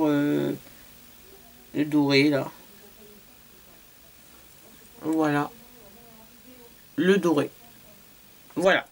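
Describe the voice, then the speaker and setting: Here her voice sits lower as the French beauty vlogger talks casually over her shopping haul video. Her speech is halting, full of fillers and repeated words.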